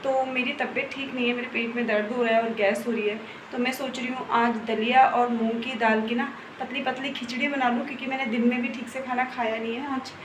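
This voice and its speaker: A woman's voice: fairly high pitch, little pitch movement, a little fast, few pauses. A young woman talking casually through a home vlog, feeling unwell while pregnant. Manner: chatty, talks softly while child sleeps. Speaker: vlogger. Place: home, kitchen and bedroom. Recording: noisy home recording.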